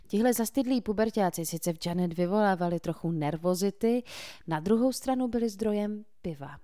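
A woman narrating a novel aloud, reading in a steady, clear way. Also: medium pitch, no room sound, clean studio sound. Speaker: audiobook narrator. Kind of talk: scripted narration.

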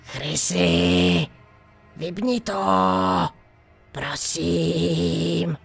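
A man voicing an inhuman creature that mimics a human voice, eerie, unnatural and gravelly, in a spoken horror story. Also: high voice, fairly bright tone, faint music behind, voice pushed up, full character voice. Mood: eerie pleading.

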